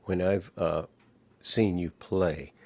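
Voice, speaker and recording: A man with a very low voice co-hosts a casual interview. He praises the guest in long, wandering sentences, stacking up fillers and restarts as he goes. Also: fairly even intonation, slow, a little mellow, no room sound. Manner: rambling, filler-heavy. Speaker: podcast co-host.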